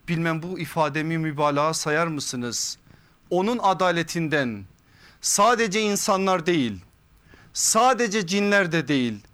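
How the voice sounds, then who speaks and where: Guy lecturing from a pulpit mic, earnest sermon style, fairly high voice for a man. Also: a bit bright. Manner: earnest and measured, building to emphatic repetition. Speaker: preacher giving a religious lesson. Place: pulpit in a mosque or lecture hall. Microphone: pulpit microphone.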